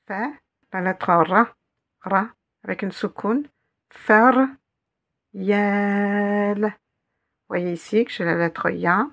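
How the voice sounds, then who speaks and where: A woman's voice: medium pitch, takes it slowly, creaky, long pauses, fairly bright tone. A woman teaching a reading lesson, patiently spelling out letters and repeating each word several times. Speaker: Arabic teacher.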